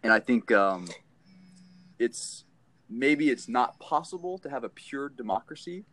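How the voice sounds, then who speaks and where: A man from California, a guest on a call, thinking out loud with many pauses and ums. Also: mid-range voice, animated, dry recording. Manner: thoughtful, hesitant with many ums. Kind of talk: casual discussion over a call. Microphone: phone on a call.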